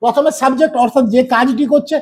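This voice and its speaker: A man with a Bengali accent gives a grammar lesson in a strikingly high voice. He walks through each rule patiently, repeats every example and keeps asking whether his students have followed. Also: fairly even intonation, fast. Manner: explains step by step, repeats examples, checks in with "okay?". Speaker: English grammar teacher. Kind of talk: classroom-style grammar lesson.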